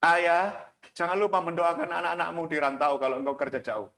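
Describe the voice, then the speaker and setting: A man's voice: a little high, steady tone, brisk, fairly bright tone. A man giving an earnest religious parenting lecture over a video call, repeating and urging his listeners. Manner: earnest, repetitive, urging the audience. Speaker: guest speaker at a parenting talk.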